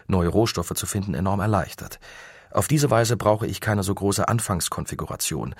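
A man's voice: sits low, husky, dry recording, studio quality, heavily acted. A man reading the lines of a proud, driven male inventor who explains his plan earnestly.

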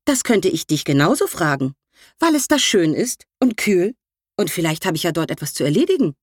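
A woman's voice: fairly low pitch, big pitch swings, fairly quick, no room sound, clean studio sound. A woman voicing a feisty, stubborn old aunt who answers in snappy, indignant retorts.

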